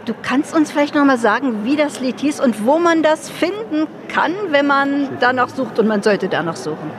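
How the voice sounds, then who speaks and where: High-voiced woman hosting radio chat, friendly questions, crowd noise behind. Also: lively intonation, normal speed. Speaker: radio host. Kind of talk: radio interview.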